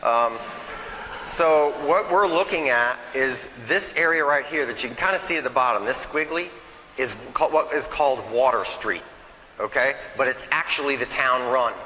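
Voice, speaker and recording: A man's voice: mid-range voice, normal speed, pushed and bright, in a large hall, slight background noise, rough recording. A man giving a nervous, chatty local history talk to a small audience, often checking in with "okay?" and "right?". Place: meeting hall, in front of a crowd.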